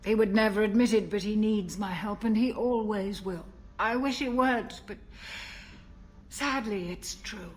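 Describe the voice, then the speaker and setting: An actress playing a calm, wry older female military ship's doctor in a video game, speaking in a gentle, reflective way. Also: medium pitch, natural voice. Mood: wistful. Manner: gentle, reflective, measured delivery. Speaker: game character.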